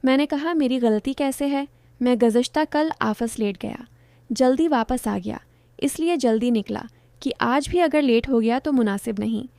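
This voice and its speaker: A woman narrating a romance novel aloud in the first person, in an even, calm storytelling voice. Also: fairly high pitch, gravelly, dry recording.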